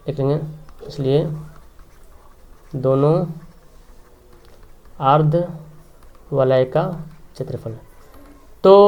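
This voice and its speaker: Male maths tutor, slightly high voice, explaining at the board with constant tag questions. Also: a little mellow. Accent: Hindi regional, Bihar. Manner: talking while writing, frequent tag questions. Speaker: maths teacher.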